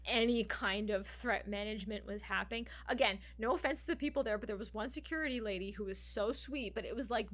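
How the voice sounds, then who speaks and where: A woman co-hosting a podcast in casual chat, animated, laughing often and repeating herself. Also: medium pitch, fast talker, few pauses, faint music behind. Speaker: podcast co-host.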